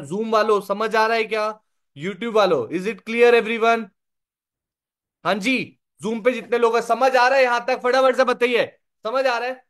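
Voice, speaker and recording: A man's voice: high-pitched, fairly bright tone. A young man giving a live online sales training, repeating his points and checking that listeners follow.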